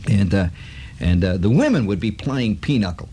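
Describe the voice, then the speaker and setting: A man's voice: fairly low pitch, expressive, normal speed, mellow, slight background noise. A man from Chicago hosting a radio show, telling a rambling, wry story full of asides. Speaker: radio host. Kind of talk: storytelling monologue.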